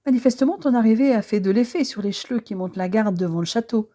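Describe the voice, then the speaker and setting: A woman's voice: fairly high pitch, quick pace, dark tone, lightly acted. A woman voicing a knowing, teasing mother greeting a young neighbour.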